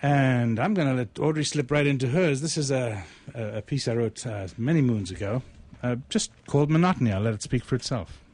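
On his radio program, a host and poet shares stories and presents poems, speaking in a conversational, literary manner. His medium-pitched voice is brisk and a little mellow.

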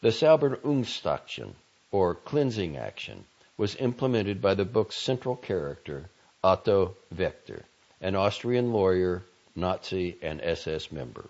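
A man with a very low voice reads a long article aloud in a measured, serious way. His delivery is slow and deliberate. The audio sounds a little dull and lo-fi. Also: big pitch swings, darkish tone. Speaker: narrator reading a magazine article.

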